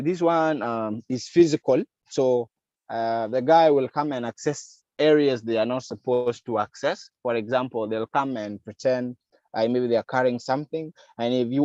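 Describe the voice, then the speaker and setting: A man delivers a video-call class on digital security in a voice of ordinary pitch. He explains at length, fills pauses with "uh," and briefly plays the scammer's lines. The sound is dull and lo-fi, dry, with little room around it. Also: dark tone, no echo. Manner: explanatory, acts out scammer lines, frequent fillers. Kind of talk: online masterclass lecture.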